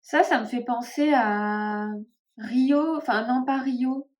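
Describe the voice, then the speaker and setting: A woman with a northern French accent chatting casually to camera about tarot decks, often pausing and trailing off as she searches for names. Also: high voice. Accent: northern French (Ch'ti). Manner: hesitant, musing, many fillers and trailing off. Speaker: tarot vlogger.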